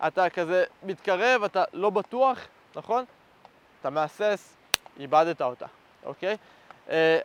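A man with a notably high voice coaches viewers as he looks straight into the camera. His delivery is direct and instructive, and he often breaks off to check that the listener is following. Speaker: dating coach. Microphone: facing the camera.

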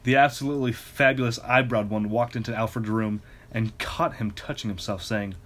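A man reading a ridiculous fan fiction story aloud in a casual, deadpan way, now and then breaking into laughter. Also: medium pitch, moderate pace, a little hiss or hum.

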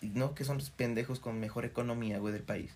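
A man's voice: medium pitch, fairly even intonation, quick pace, a little mellow, slight background noise. A man with a Mexican accent telling comic stories in casual, profane chat, peppering every phrase with slang fillers. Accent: Mexican Spanish. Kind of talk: casual comedic storytelling.

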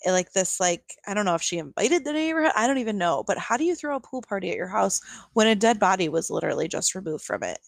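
A woman's voice: mid-range voice, big pitch swings, quick pace, vocal fry, no echo. A young adult woman co-hosting a podcast, telling a true-crime story casually with lots of fillers and incredulous asides. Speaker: podcast co-host.

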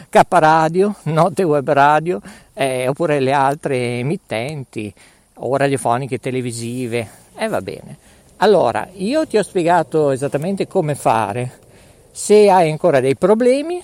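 A middle-aged web radio host with a fairly high, somewhat mellow voice broadcasts live on the move, walking through city streets and sounding a bit out of breath. He rambles and cracks jokes, tagging his lines with a questioning "eh?".

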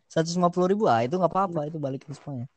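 A man's voice: a little high, rapid-fire, dry recording. A young man, telling a school story in casual chat. He laughs through it and swears casually.

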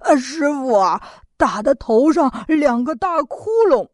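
A slow-talking, dim but good-natured pig-monk from a children's storybook, voiced by a woman. He speaks in a plain rustic way, a little high in pitch. The sound is dry and close. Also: lively intonation, a little mellow, dry recording. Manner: rustic folksy talk, calls himself 俺老猪. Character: clumsy greedy pig-monk, male, simple-minded.

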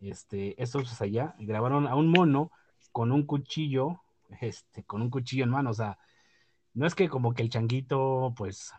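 Chatting loosely about the news, a male podcast host speaks in a mid-range, darkish voice at a moderate pace, with a little hiss or hum in the recording. He's hesitant, full of fillers and restarts, and often laughs at what he's just said.

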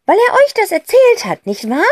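A woman's voice: wildly swooping pitch, normal speed, dry recording, clean studio sound, exaggerated voice. A woman voicing a cheeky, exuberant eccentric aunt in an audiobook, bubbly and theatrical. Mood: gushing. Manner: bubbly and theatrical, with sudden high exclamations. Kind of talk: audiobook character voice.

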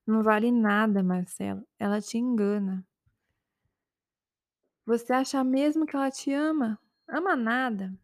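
A woman voicing the taunting inner voices in a man's head, speaking low, quiet and sneering in a spoken story. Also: unhurried. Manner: sneering, contemptuous.

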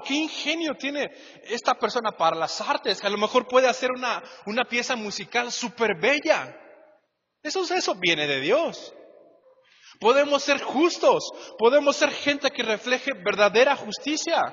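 A man with a Mexican Spanish accent preaching a lively, conversational sermon as pastor, asking the congregation rhetorical questions. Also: very high-pitched, slightly rough. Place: church hall. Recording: muffled church hall recording with long reverb.

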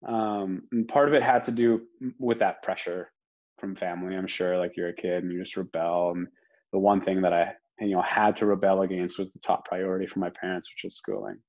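A young adult man from Romania, a podcast guest telling his story in a relaxed, casual way with lots of fillers and the odd swear word. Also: deep voice, fairly quick. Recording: dull lo-fi sound.

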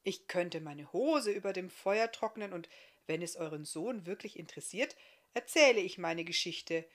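A woman reading as a gentle blind bearded giant. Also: lowish voice, expressive, moderate pace, close to an everyday voice.

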